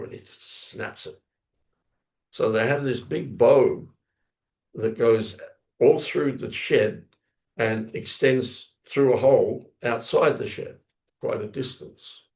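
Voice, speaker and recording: A man's voice: medium pitch, darkish tone. A man giving a scripture class, telling a story in a rambling way, often correcting himself and acting out sounds with his voice. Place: temple lounge class, indoors.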